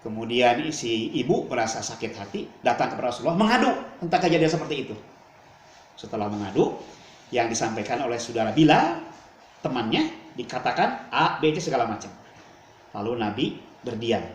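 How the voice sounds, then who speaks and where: A man preaching a storytelling sermon to a congregation in a dramatic, animated way. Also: medium pitch, brisk, slight background noise. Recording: echoey room, faint ambience.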